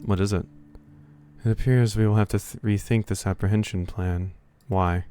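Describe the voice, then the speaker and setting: Man doing a stern formal guardian, deep low voice, quiet, smooth, faint music. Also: steady tone, normal speed, natural voice.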